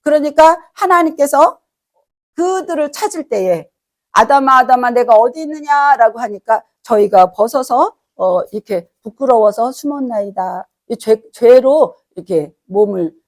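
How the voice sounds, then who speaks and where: A woman's voice: mid-range voice, measured pace. A middle-aged woman pastor preaching a sermon in a church, telling the story with acted-out dialogue. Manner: animated storytelling, acting out quoted dialogue. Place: church sanctuary.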